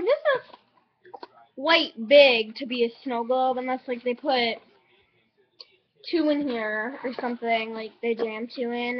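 A high-voiced teenage girl rambles with excitement through a casual unboxing vlog, full of fillers and hiccups. The recording is dull and lo-fi, made at home. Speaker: vlogger.

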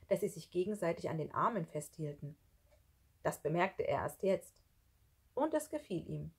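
Woman narrator, children's audiobook, husky, lower voice, suspenseful. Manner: suspenseful, expressive storytelling.

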